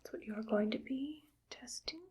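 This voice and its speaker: This take has the same woman as a cheerfully callous evil scientist in an ASMR roleplay, whispering softly and close while thinking aloud over her work. Her pitch sits on the high side, her pace is moderate, and there's a slight roughness, with a calm, musing feel.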